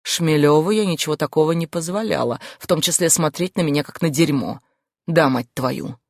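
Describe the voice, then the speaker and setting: A woman's voice: low voice, a little fast, a little mellow, no room sound, studio quality. Sardonic woman reading a novel aloud. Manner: sardonic, brash, crude asides. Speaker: audiobook narrator. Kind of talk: first-person novel narration.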